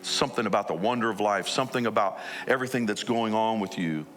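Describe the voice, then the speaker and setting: A man's voice: on the low side, fast, a bit bright, soft background music. A man preaching a conversational sermon as a pastor, asking his listeners many questions.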